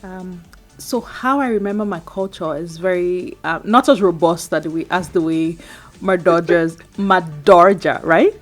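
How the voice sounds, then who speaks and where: Woman in her 30s, chatty radio guest, lively little asides, faint music under. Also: on the low side. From Nigeria. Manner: chatty, animated, quick asides. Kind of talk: casual chat.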